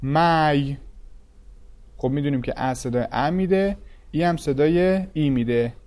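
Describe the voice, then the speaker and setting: Man teaching a language lesson, slightly higher voice, slow and clear sounding-out of each vowel. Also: expressive, mellow.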